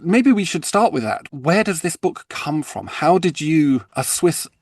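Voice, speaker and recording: A man's voice: on the high side, sing-song, a little slow, no echo. A man from Britain hosting an interview podcast, asking questions politely and eagerly, with the odd stumble. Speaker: podcast host. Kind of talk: interview conversation.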